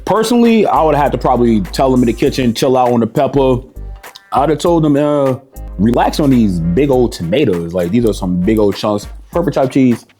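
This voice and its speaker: A man's voice: medium pitch, lively intonation, brisk, dark tone, faint music behind. A man, chatting casually and boastfully as a cooking contestant tasting food. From New York. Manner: boastful, streetwise, easygoing.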